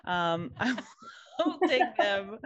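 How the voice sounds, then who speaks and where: A woman's voice: medium pitch, lively intonation, slow, dull audio. A woman co-hosting a podcast in casual chat, talking in a chatty way with laughs and fillers. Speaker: podcast co-host.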